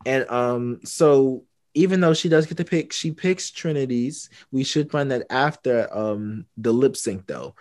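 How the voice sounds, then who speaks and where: Man, casual chat co-host, rambling, filler-heavy, middle pitch. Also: a little mellow, dry recording, clean studio sound. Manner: rambling, fast, filler-heavy, swears freely. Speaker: podcast co-host.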